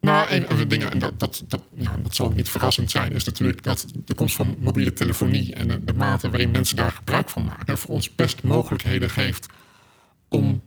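An anonymous man whose voice is electronically distorted to hide his identity, answering interview questions in a halting way with many restarts. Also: medium pitch, a little hiss or hum. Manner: halting, with frequent restarts and fillers. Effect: voice electronically distorted to disguise identity. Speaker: technical specialist interviewed anonymously.

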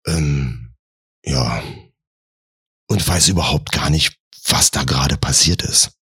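A man's voice: extremely low pitch, slow pace, gravelly, sharp tone, husky, no room sound, clean studio sound. A man telling a comic story in a wry tone, acting out the characters as he goes. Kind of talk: comedic storytelling.

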